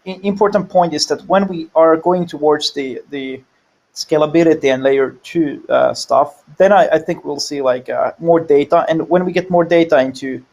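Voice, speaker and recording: A man from Finland, speaking haltingly with many fillers as a guest in a casual panel discussion. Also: a little high, vocal fry, darkish tone.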